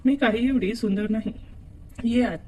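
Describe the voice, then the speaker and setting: A woman's voice: on the high side, normal speed, dark tone, a little hiss or hum, close to an everyday voice. Teasing middle-aged auntie, as a woman reads her.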